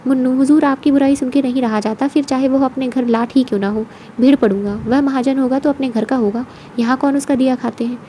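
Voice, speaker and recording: A woman's voice: high-pitched, fairly even intonation, fast talker, dark tone, slight background noise, natural voice. Woman voicing a fawning servant man. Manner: obsequious, keeps addressing his mistress as huzoor. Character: fawning male servant, flattering and talkative.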